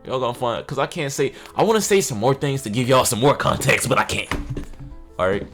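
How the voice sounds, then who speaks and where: A man's voice: medium pitch, big pitch swings, a little fast, music in the background. A man doing comedic commentary, talking casually and in slang straight to his viewers. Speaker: commentary YouTuber.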